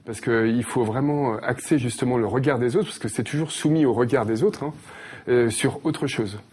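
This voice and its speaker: A man with a mid-pitched voice answers as a guest in an interview. He explains things conversationally and hesitantly, often feeling for the right word. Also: normal speed, a little mellow, husky. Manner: hesitant, searching for words. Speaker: guest, hairdresser.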